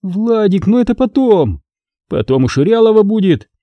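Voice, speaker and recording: A frantic, foul-mouthed young addict woman, voiced by a man in an audiobook thriller. The voice sits well up high and begs shrilly. Dry, close sound. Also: sing-song, normal speed, no room sound, highs cut off. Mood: pleading. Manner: shrill, begging. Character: desperate young junkie woman, pleading, crude.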